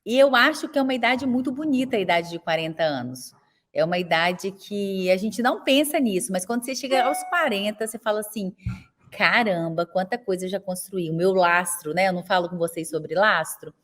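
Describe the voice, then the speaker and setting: Animated and brisk, a mid-range female voice leads a live online class for people caring for the elderly. The teacher is in her forties with a Brazilian Portuguese accent, and she chats freely, ending almost every sentence by checking in with viewers.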